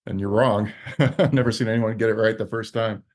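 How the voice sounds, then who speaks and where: Quick-talking low-voiced man, wry. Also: fairly even intonation. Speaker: podcast co-host. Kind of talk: casual chat.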